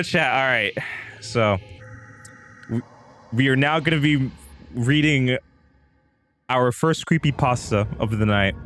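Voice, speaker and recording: A man runs a live stream, casually rambling and repeating himself while addressing his viewers directly. He has a mid-range, sharp-toned voice, and there is a little background noise.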